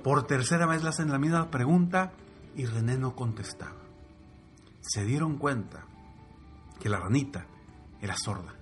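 A man telling a motivational fable in a lively, repetitive way, going soft and low for the lesson. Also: normal speed, long pauses, soft background music. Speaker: motivational storyteller. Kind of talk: motivational storytelling.

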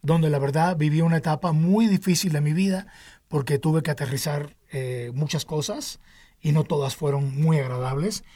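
A man's voice: fairly high pitch, fairly even intonation, moderate pace, mellow, dry recording, clean studio sound. An older man from Cuba with a Cuban Spanish accent, a singer telling his life story in an interview, with many restarts and fillers. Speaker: guest singer.

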